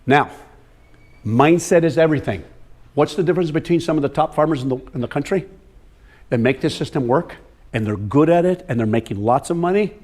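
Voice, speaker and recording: Lecturing a room of farmers on soil health, a man speaks emphatically and directly, repeating words for stress, walking around and calling on audience members. His voice is on the high side and a little mellow, with a brisk delivery.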